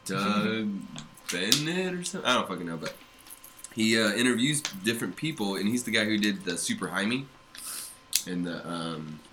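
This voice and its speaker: A man's voice: lowish voice, lively intonation, moderate pace, noisy background. A young man co-hosting a podcast in casual profane banter, offhand and trailing off. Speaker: podcast co-host.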